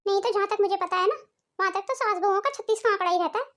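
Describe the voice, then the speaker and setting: A woman's voice: very high voice, very fast, fairly bright tone. A woman voicing a strict, proud middle-aged mother-in-law in a cartoon, scolding and nagging, with faint music behind. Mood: complaining.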